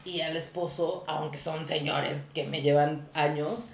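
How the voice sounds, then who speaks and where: A woman hosting a podcast, telling a story in a lively, casual way with frequent laughter. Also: low-pitched, measured pace, reverberant, slight background noise. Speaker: podcast host.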